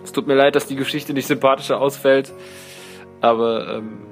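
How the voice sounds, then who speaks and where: A man's voice: mid-range voice, fairly even intonation, moderate pace, gravelly, soft background music. Rambling, self-mocking young man. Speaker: podcast host. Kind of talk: casual storytelling.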